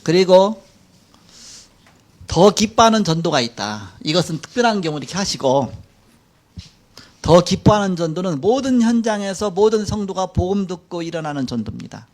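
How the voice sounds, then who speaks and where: A middle-aged man speaks in a fairly high voice, lecturing from a church pulpit. His talk is loose and conversational, and he slips into playful acted-out quotes. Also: normal speed. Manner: colloquial and animated, acting out quotes, chuckling. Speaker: pastor. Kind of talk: sermon lecture.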